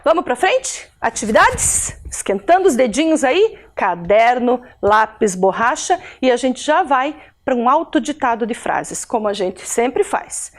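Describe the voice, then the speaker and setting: A woman's voice: a little high, sing-song, measured pace, hardly any pauses. A woman teacher with a Brazilian Portuguese accent from Curitiba, giving a recorded video lesson to adult learners in a chatty way, often checking in with her listeners.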